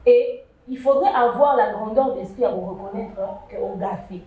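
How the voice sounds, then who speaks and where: A woman, chatting lively on a talk show panel, with emphatic bursts. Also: fairly high pitch, moderate pace, phone-quality sound, a loud crowd. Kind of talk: casual chat show commentary. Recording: echoey room with faint noise.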